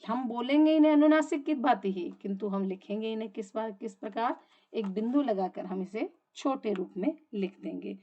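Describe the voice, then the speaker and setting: Woman teacher explaining grammar. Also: a little high. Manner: explains step by step, asks and answers her own questions; draws out example words slowly. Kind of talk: Hindi grammar lesson. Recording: dull lo-fi audio.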